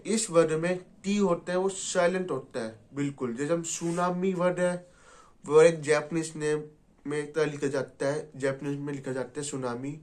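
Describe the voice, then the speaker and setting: A man teaching a beginner language lesson, saying each sound and then repeating it. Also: a little high.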